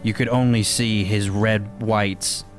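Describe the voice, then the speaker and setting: Slow, deadpan man reading aloud. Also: fairly low pitch. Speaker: reader. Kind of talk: comedic dramatic reading. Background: music.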